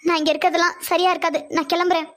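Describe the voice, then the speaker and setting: A woman's voice: very high-pitched, little pitch movement, racing. Weary, subdued cartoon mother. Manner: hesitant, quiet, subdued. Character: weary soft-spoken mother, middle-aged woman. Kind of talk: animated cartoon dialogue.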